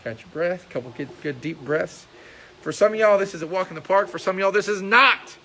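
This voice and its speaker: A man teaching a karate class, shouting counts and commands and cheering students on, in a training hall with mirrors. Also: high voice, fairly quick, background noise. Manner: loud barked commands and upbeat encouragement. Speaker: karate instructor. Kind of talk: live coaching of a class.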